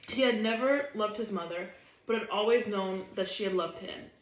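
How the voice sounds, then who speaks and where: A woman reading a novel aloud, steady and even. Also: medium pitch, moderate pace. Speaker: reader. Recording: roomy echo.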